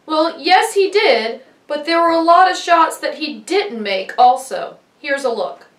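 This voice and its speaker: High-voiced woman narrating, echoey and distant. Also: animated, measured pace, background noise. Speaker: video narrator. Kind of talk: scripted voice-over narration.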